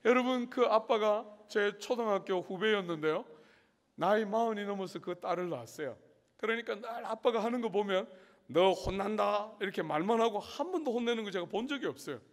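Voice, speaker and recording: A man's voice: sits high, animated, a little fast. A middle-aged male pastor preaching a sermon at a student conference, telling a story with humor and acting out the scene. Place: large university hall. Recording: long hall reverb.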